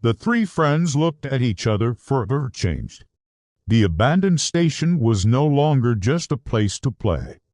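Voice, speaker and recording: Lively male storybook narrator. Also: mid-range voice, measured pace, no room sound, studio quality. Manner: animated, storybook delivery. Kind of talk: scripted children's story narration.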